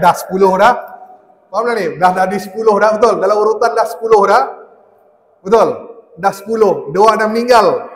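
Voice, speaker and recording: High-voiced preacher in an echoey hall. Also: male voice. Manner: asks the audience questions and answers them himself; animated storytelling, acting out quoted speech. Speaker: religious teacher. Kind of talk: mosque study-circle lecture. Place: mosque hall. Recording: echoey mosque hall with long reverb.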